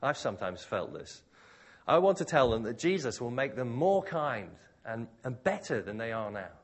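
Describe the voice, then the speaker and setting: Male preacher, mid-pitched, husky, animated delivery; conversational expository sermon. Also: normal speed.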